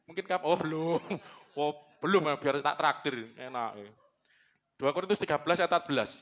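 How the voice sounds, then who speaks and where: A man preaches a sermon in church, blunt and full of jokes. His voice is bright and forceful and sits a little high for a man. The recording is dull and lo-fi. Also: fairly quick. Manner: joking, blunt, mixes in Javanese phrases. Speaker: pastor.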